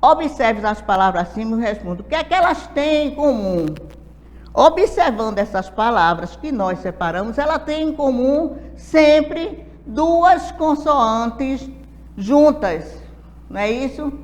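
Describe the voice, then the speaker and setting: A woman's voice: sits high, expressive, a little slow, in a large hall. A woman from Brazil teaching an adult literacy lesson, explaining step by step and checking in with questions.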